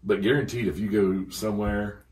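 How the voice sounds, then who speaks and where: A middle-aged man with a very low, deep voice tells rambling stories and laughs through them. He sits a little back from the mic in an echoey room. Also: steady tone, normal speed, darkish tone, far from the mic. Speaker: podcast guest. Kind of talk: casual chat, storytelling.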